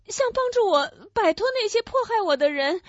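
A woman acts out a very high, lilting young woman in a radio play, loving and terrified as poison takes hold. Her voice swoops widely and catches in tearful breaths. The recording is dull and dry, with little room sound. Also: lively intonation, dry recording. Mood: frail. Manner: breathless, halting, tearful delivery. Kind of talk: Chinese radio-play acting.

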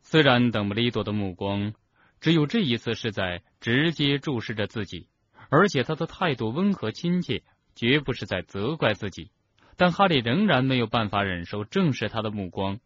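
Man, audiobook narration, husky, low voice, lively intonation, dull lo-fi sound. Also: moderate pace, no room sound. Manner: expressive storytelling. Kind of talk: scripted narration. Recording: dull lo-fi recording.

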